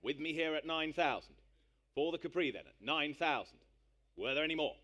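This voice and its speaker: A man working as an auctioneer, calling bids live in a brisk patter of repeated numbers. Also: fairly high pitch, animated, pushed and bright.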